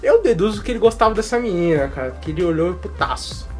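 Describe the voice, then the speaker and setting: Animated young man telling school stories. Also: sits high, quick pace, soft background music. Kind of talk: casual storytelling chat.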